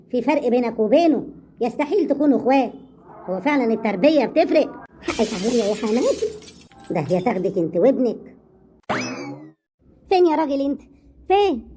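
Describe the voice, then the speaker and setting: A woman with an Egyptian accent voicing a sharp-tongued older mother-in-law who scolds and mocks. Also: high-pitched, slight background noise. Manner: scolding, mocking, rapid.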